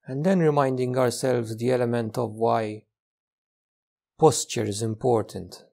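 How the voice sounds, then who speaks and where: A meditation teacher guides the session in a mid-range voice with fairly even intonation and some vocal fry. He speaks gently, in short, unhurried phrases, pausing for long stretches.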